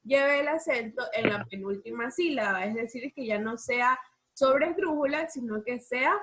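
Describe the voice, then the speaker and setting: A woman teacher leading an online class, explaining rules patiently and repeating words slowly for her students. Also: a little high, background noise.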